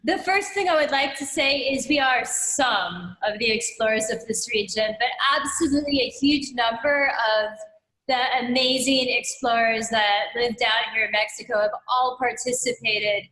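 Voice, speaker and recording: A woman cave explorer answering interview questions in an earnest, measured way. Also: on the high side, pushed and bright, roomy sound, rough recording.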